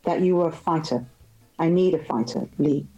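A woman's voice: sits low, normal speed, highs cut off, music in the background. A woman reading aloud, voicing a charming, self-assured young male tycoon in a novel. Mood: amused.

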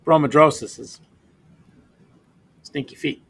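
A man's voice: fairly high pitch, takes it slowly, slightly rough. A man hosting a casual beer podcast, rambling with stammered restarts and laughing often. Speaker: podcast host.

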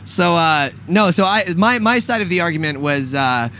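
A young male radio host chatting loosely, full of fillers and restarts, often breaking into laughs. His voice sits a little high. A faint noise floor hums under the recording. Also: expressive, moderate pace, sharp tone. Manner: rambling, laughing, joking. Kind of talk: casual banter on a talk show.

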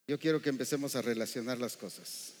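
Speaking at a medium pitch and a fairly quick pace, a man preaches to his congregation in a church hall. Rhetorical questions come up often in his sermon, and the recording carries echoey hall reverb.

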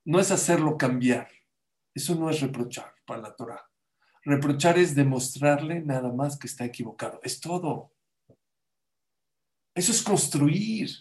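Animated man giving a sermon in an echoey room. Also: fairly high pitch, measured pace, pauses often. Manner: animated, acts out quoted voices. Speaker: rabbi.

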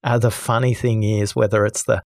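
A man who is a guest on a podcast, telling a story with lively energy and acting out the people in it. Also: on the low side, moderate pace, vocal fry, no room sound, studio quality. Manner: lively, acts out the people in his stories. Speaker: podcast guest, listening expert. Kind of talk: animated storytelling in conversation.

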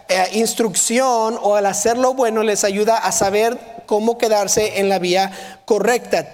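A man preaching a sermon, asking the audience questions and sometimes shouting as he acts out a drill sergeant. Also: high-pitched. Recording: long hall reverb.

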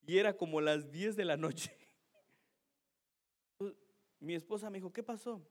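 A male pastor preaching in a loose, chatty way, poking fun at his own mistakes. His voice sits a little high for a man, and he keeps tagging his lines with a quick "¿no?". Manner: self-mocking, chatty, keeps asking "¿no?". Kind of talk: sermon with a humorous personal story.

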